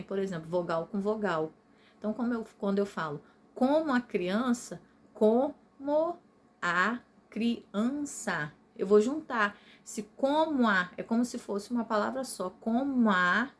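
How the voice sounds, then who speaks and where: Patient Brazilian woman teaching a video lesson. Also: medium pitch. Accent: Brazilian Portuguese. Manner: patient, explanatory, often checks in with "tá?".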